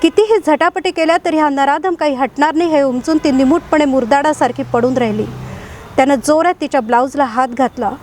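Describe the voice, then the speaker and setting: A woman with a high voice reads a dramatic story aloud. Her reading is measured and expressive, and she leans into the tense moments without rushing. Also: slight background noise.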